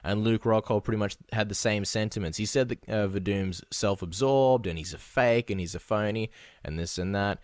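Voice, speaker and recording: A man's voice: on the low side, moderate pace, a little mellow, dry recording, clean studio sound. A Polish-born man, co-hosting a casual podcast chat in a rambling, joking way. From Poland. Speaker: podcast co-host.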